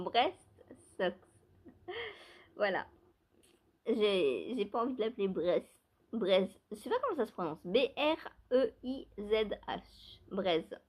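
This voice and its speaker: Chatty hesitant woman knitting vlogger. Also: fairly high pitch. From France. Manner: rambling, hesitant, many fillers and restarts, small laughs. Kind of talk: casual chat.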